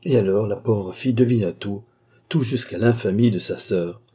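Man, audiobook narration, measured, dramatic, husky, dark. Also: lowish voice. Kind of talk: audiobook narration of a classic novel.

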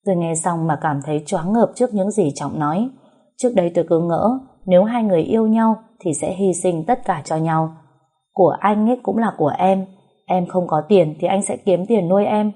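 A woman narrating a first-person story in a measured storytelling manner. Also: fairly low pitch, warm tone.

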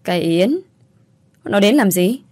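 A woman's voice: mid-range voice, expressive, measured pace, a little mellow, no echo. A woman voicing a worried, protective mother-in-law over sixty in a told story. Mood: concerned. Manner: concerned, protective. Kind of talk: storytelling, acted dialogue.

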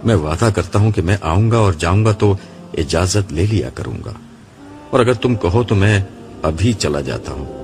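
A man's voice: sits low, lively intonation, darkish tone, a little hiss or hum. A man doing a teasing jinn friend, playful. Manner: teasing, mock-innocent. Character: mischievous male jinn companion, playful.

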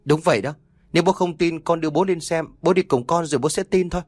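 A man's voice: on the high side, fast talker, darkish tone, no room sound, voice pushed up, close to an everyday voice. A man voicing a frightened young daughter who pleads with her father about a haunted house. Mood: pleading. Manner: pleading, insistent.

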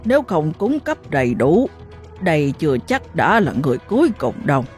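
A woman voicing a sinister male village sorcerer who speaks slowly and ominously. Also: sing-song, darkish tone, soft background music. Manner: slow, low, ominous.

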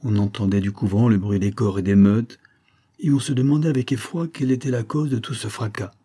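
A man's voice: on the low side, steady tone, fairly quick, dark tone, breathy edge. A man voicing a chatty older village innkeeper who confides local gossip. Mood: gossipy.

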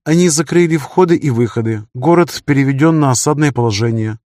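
Guy voicing a wry spy chief, businesslike briefing, bit higher than the reader, audiobook. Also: fairly quick, a little mellow, no room sound, studio quality, lightly acted. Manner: smirking, then matter-of-fact.

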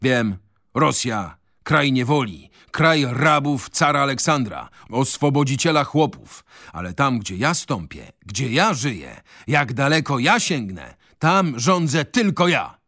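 A man's voice: medium pitch, big pitch swings, unhurried, sharp tone, no echo, voice pushed up, heavily acted. Man playing defiant revolutionary, fervent, declamatory, raised voice, dry. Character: fiery young male revolutionary, defiant. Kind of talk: radio reading of a novel.

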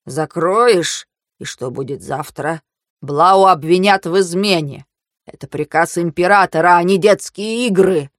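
A woman voicing a stern old male mentor who lectures and shouts in anger. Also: on the low side, unhurried, no echo, studio quality, close to an everyday voice.

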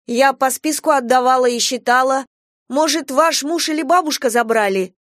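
A woman voicing a flustered young trainee kindergarten teacher who is defensive and excitable. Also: high voice, normal speed, no echo, studio quality, voice pushed up.

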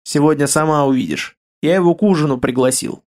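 A man's voice: high-pitched, animated, moderate pace, darkish tone, pitched above the performer's own voice. A man reading an audiobook, voicing a retired mercenary major, an older husband who grumbles and deflects dryly. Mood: grumbling. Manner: grumbling, dry.

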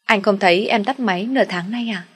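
A woman voicing a desperate young woman in debt, pleading tearfully in a raised, shrill voice. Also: a little fast, breathy edge, faint music behind, close to an everyday voice.

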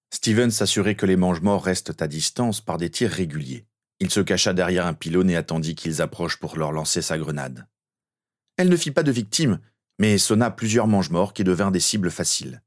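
A man narrating a fan-fiction story as an audiobook in a steady, earnest way. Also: deep voice, fairly quick.

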